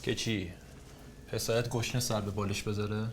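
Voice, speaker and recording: A man's voice: lowish voice, level tone, background noise, natural voice. An actor playing a bitter young man who throws accusing rhetorical questions at his mother in a film drama set at home. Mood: cold. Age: young adult. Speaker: grown son. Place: home interior.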